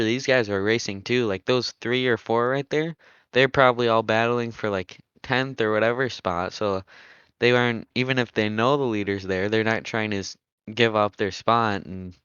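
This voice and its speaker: A young man giving casual, chatty commentary on an online motocross race, relaxed and laughing often as he thinks aloud. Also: on the low side, clean tone, no echo, lo-fi sound. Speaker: race commentator and server admin.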